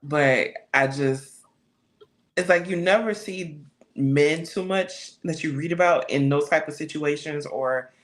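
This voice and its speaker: A woman author being interviewed over a video call, talking in an expressive, storytelling way and laughing often. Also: low voice. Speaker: author guest. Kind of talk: casual interview chat.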